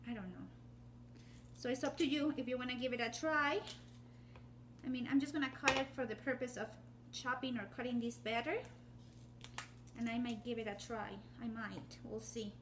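A woman in her thirties with a high voice talks through a cooking demonstration. She rambles in a chatty way, with fillers and restarts. She is recorded in a home kitchen on a camera on the counter, with a faint hum of ambience behind her. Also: fairly even intonation, moderate pace, long pauses. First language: Spanish. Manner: chatty and rambling, with many fillers and self-corrections. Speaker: home cooking channel host. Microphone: phone or camera set up on the counter, framed from the waist up.

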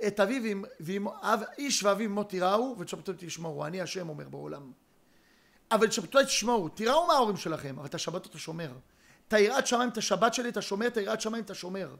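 A man giving a Torah lecture as a rabbi, telling a story with dramatic pauses and sudden emphasis. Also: high voice, vocal fry, fairly bright tone.

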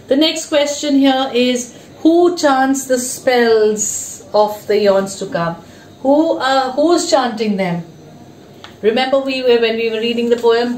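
Female teacher, 40s, fairly high voice, slow explanatory pace, echoey classroom recording. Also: a little mellow. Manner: slow, explanatory, asks questions and answers them. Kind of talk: whiteboard revision lesson. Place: classroom with whiteboard, indoors. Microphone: fixed camera mic, moves toward and away from it. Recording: echoey room, faint background hiss.

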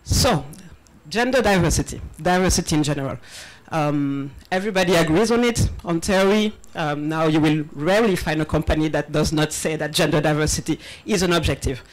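A woman in her thirties, born in Senegal and raised in France, speaks on diversity hiring at a conference, holding a handheld mic in a large, partly open-air event space with an audience. She's a little nervous, laughing between points and saying um a lot. Her voice sits low and brisk on a rough recording.

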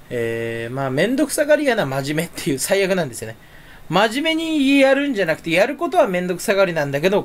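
Casual solo chatter, male, rambling and self-deprecating, pitch leaps all over. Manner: rambling, self-mocking, swings pitch up suddenly. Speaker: streamer.

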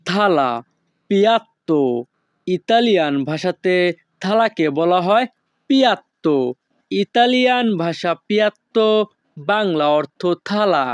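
A man teaching vocabulary in a slow, repetitive drill, saying each word and then its meaning. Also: high-pitched, lively intonation, clean tone, no room sound. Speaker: language teacher.

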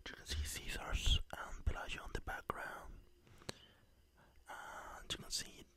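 Man whispering a travel vlog. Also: measured pace. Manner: soft whispering with frequent "you know" fillers. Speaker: ASMR vlogger. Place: hotel room. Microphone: recorded without the usual ASMR microphone.

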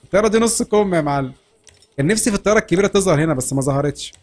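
A man with an Egyptian Arabic accent giving excited gameplay commentary, laughing and shouting often. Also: high-pitched, rapid-fire. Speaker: gaming channel host.

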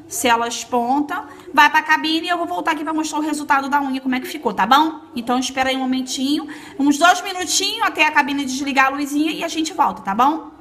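A woman's voice: high voice, a bit bright. A woman from Brazil giving a casual, hands-on nail tutorial, chatty and reassuring with her viewers, recorded on a phone at a salon table. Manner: chatty, reassuring, addresses viewers as girls and friends. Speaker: nail technician instructor. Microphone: phone camera.

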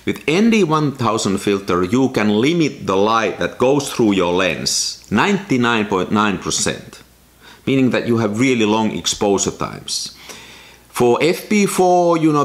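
A man narrating his own photography vlog in a casual, explanatory way, walking through camera technique step by step. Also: on the low side. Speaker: photography vlogger.

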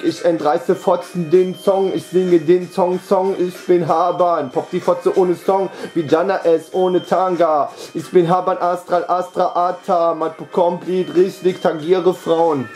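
A man with a high, mellow voice chants a loose, boastful freestyle rap. He circles back to the same catchphrases over and over in a rambling flow. The sound is roomy and echoey, with a faint beat underneath. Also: fairly even intonation, a little slow, few pauses. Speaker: amateur rapper. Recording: echoey room with faint music.

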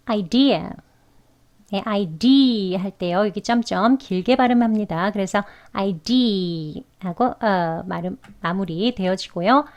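A woman's voice: medium pitch, highs cut off. A woman teaching English pronunciation in Korean, explaining mouth shapes patiently and saying each example word twice. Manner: patient, demonstrates sounds slowly and repeats each word twice. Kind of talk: slow instructional explanation with repeated example words.

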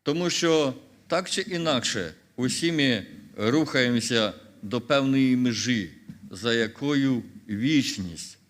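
A man preaching a sermon as pastor, asking the congregation rhetorical questions, pressing his points with emphatic, louder stresses and clearing his throat now and then. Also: mid-range voice, takes it slowly. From Ukraine.

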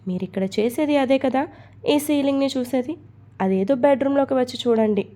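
A woman's voice: high-pitched, fairly quick, mellow, close to an everyday voice. A woman voicing a playful young wife who coaxes and teases her husband affectionately in a storybook reading. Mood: coaxing.

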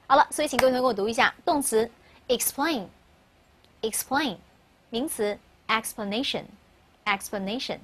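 A woman's voice: on the high side, racing, hardly any pauses, a little hiss or hum. A woman teaching an English grammar lesson in Mandarin, a native Mandarin speaker who asks her class questions and answers them herself. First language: Mandarin Chinese.

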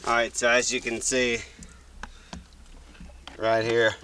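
Man, 30s, folksy farm vlogger; outdoor camera sound, bleating sheep and clear background noise. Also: medium pitch, completely flat delivery, takes it slowly, pushed and bright. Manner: folksy, loose, with many fillers. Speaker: farmer vlogger. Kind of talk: casual how-to talk. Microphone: handheld or body camera.

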